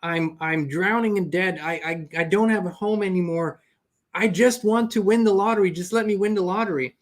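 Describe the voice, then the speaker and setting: A man's voice: high-pitched, normal speed, natural voice. A man voicing a desperate, broke man who pleads with God in a told story. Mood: pleading. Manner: pleading, despairing.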